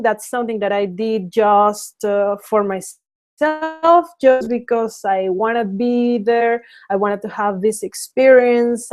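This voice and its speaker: A Mexican woman in her thirties hosts a casual webinar, speaking hesitantly with many fillers and restarts. Her voice is fairly high-pitched with a darkish tone.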